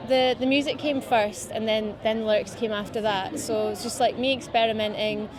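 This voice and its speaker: A woman's voice: a little high, moderate pace. A woman in her twenties with a Scottish accent, chatting casually about her music in an interview, rambling with lots of fillers. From Scottish Highlands. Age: 20s. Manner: relaxed, rambling with many fillers. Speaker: musician guest. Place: outdoors by a city riverbank. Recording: outdoor crowd noise behind.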